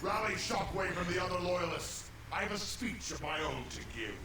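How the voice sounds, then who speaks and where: An actor playing a sardonic, menacing robot warlord in a video game, commanding and full of contempt. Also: male voice, high voice, expressive, normal speed, a crowd in the background. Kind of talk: video game villain acting. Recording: echoey, far-off game audio under music.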